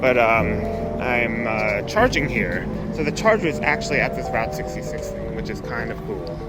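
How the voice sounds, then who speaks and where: A man's voice: mid-range voice, big pitch swings, normal speed, loud music behind the voice. Man talking over passing truck noise. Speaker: vlogger on a road trip. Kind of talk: casual talk to camera. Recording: on location with vehicle noise.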